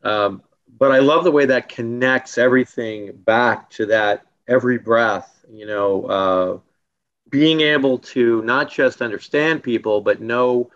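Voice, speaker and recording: Guy interviewer thinking out loud, kinda searching for words, muffled lo-fi sound. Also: medium pitch, a little slow. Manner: thoughtful, searching for words as he sums up. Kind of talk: casual interview chat. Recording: dull muffled lo-fi audio.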